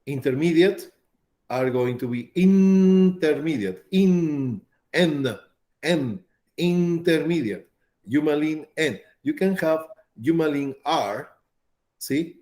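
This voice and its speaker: Mellow-voiced man lecturing a class. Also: on the high side, expressive, slow pace. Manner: repetitive, checks in with students often. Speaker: pharmacology lecturer.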